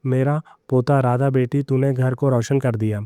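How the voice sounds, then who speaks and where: A man voicing a proud, bitter older mother-in-law who softens, speaking in a sharp scolding way. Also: mid-range voice, fairly even intonation, moderate pace, clean tone, no echo, clean studio sound, natural voice. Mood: tender.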